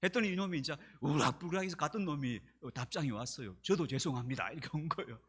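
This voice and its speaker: A man preaching a sermon as pastor, animated and acting out the speech he quotes. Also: on the high side, quick pace, slightly rough.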